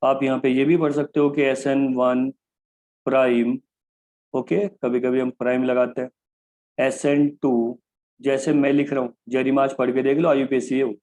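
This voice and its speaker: A man giving a chemistry lecture, often calling his students "kids" and switching between Hindi and English. He slows down deliberately to spell out key phrases. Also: mid-range voice, level tone, a little mellow, low-quality recording. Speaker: chemistry teacher. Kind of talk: classroom lecture.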